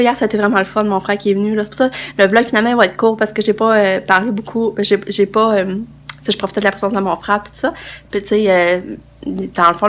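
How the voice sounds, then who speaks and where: At medium pitch, the young Québécoise vlogger chats casually to camera on a handheld phone, with slight background noise behind her. She sounds tired and stuffed up from a cold and keeps rambling with many fillers and restarts.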